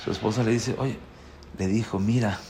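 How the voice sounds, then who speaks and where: Rabbi, animated class teacher, faint room noise behind. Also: male voice, mid-range voice, a little slow. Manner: lively, questions the audience. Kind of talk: animated religious lesson.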